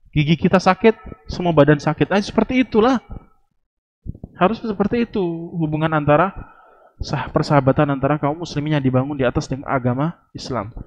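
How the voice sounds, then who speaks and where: A man giving a mosque study lecture in a relaxed, conversational way. He repeats phrases for emphasis and acts out short quoted exchanges. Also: a little high, highs cut off. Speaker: religious teacher.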